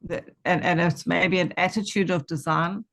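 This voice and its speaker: A woman sharing reflectively in conversation, tentative and pausing to reformulate her thoughts. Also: lowish voice, steady tone, gravelly, a bit bright. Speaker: workshop participant and research student.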